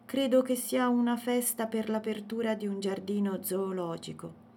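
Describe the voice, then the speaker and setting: A woman voicing a calm, knowing male pet who patiently explains things to a girl in a storybook. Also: medium pitch, normal speed, gravelly, a little hiss or hum, pitched above the performer's own voice, lightly acted. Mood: explaining.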